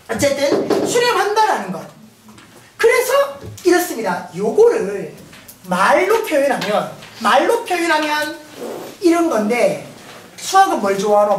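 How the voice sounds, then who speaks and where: Woman, math teacher, Gyeongsang accent, playful, lively, roomy distant recording with noise. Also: high-pitched. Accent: Gyeongsang Korean. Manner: lively, playful, laughs often, asks the class questions. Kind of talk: lecture. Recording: roomy, distant mic, noisy.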